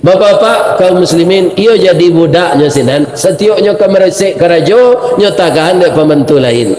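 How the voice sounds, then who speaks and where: A man with a Minangkabau accent preaching a humorous sermon, telling a story and checking in with his listeners often. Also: fairly high pitch. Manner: lively, asks the crowd "ya kan?" often. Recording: echoey hall, faint ambient noise.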